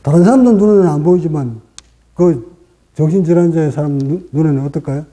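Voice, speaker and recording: A man teaching as a Buddhist meditation master, speaking in short, deliberate phrases with pauses and rising for emphasis. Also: fairly high pitch, dark tone, poor audio. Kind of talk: dharma talk.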